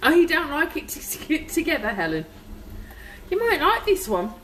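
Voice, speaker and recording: A woman's voice: high voice, huge pitch swings, moderate pace, fairly bright tone. An English woman chatting casually and cheekily to live viewers as a home cooking show host. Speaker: home cook hosting a live cooking stream. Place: indoors in a home kitchen. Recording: noisy home recording with background ambience.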